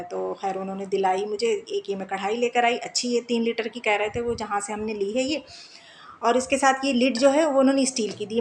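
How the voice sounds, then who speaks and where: Woman in her thirties, chatty home vlogger, laughs often, fairly high voice, faint background hiss. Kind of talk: casual home vlog narration.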